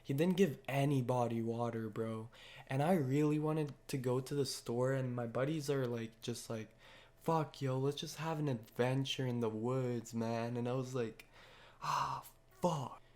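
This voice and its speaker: A man's voice: medium pitch, moderate pace, warm tone. A young man casually telling a story to his viewers, with heavy slang and constant swearing. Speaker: vlogger.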